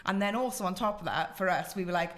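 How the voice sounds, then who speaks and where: A woman's voice: on the low side, fast, fairly bright tone. A chatty woman with a Welsh Valleys accent hosting a casual podcast, acting out quotes as she tells things. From South Wales Valleys. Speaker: podcast host. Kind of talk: casual chat.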